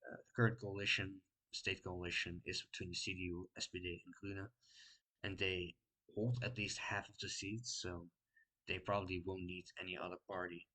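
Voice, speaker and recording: A man with a Dutch accent casually walking through election results in a vlog, pausing often with fillers while he explains. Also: low-pitched, level tone, pushed and bright, rough recording. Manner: unscripted, many filler pauses while explaining. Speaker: political commentary vlogger.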